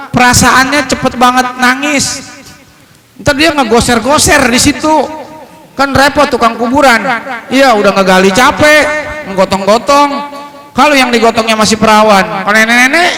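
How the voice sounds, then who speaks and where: High-voiced man preaching in an echoing hall. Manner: joking, lively storytelling with quoted Arabic. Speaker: Islamic preacher. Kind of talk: humorous sermon to a congregation. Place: mosque hall. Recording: long hall reverb.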